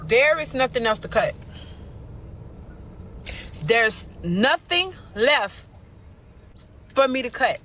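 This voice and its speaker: A woman's voice: fairly high pitch, big pitch swings, slow, long pauses, a bit bright, a little hiss or hum. A woman venting in a clip, exasperated and repeating herself.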